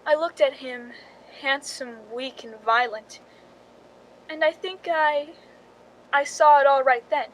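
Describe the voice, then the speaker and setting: A woman with a high, steady voice plays a cool, calculating young Hollywood stand-in narrating her own story in a 1940s-style suspense radio drama. She speaks slowly with frequent pauses, dry and knowing like a noir confession, and the mood is ominous. The noisy recording carries a low rumble underneath.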